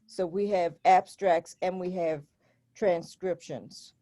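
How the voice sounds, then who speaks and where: A woman guest on a livestream, explaining a topic in a measured way. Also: fairly low pitch, fairly even intonation, warm tone. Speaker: guest, historical society member. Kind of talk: explanatory conversation.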